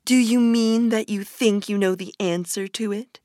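A woman's voice: medium pitch, steady tone, normal speed, dark tone, dry recording, studio quality, pitched above the performer's own voice, lightly acted. A woman as the blunt, contrary March Hare. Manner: blunt, correcting. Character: rude, contrary male hare, pedantic tea-party host. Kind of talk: storybook character reading.

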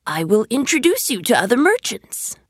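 A woman voicing a scheming, greedy male magician in a storybook reading, drawing out her words in a hushed, breathy, coaxing tone. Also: very high-pitched, huge pitch swings, dry recording, studio quality, pitched above the performer's own voice, heavily acted. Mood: sly coaxing. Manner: slow, drawn-out, honeyed coaxing. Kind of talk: storybook read-aloud.

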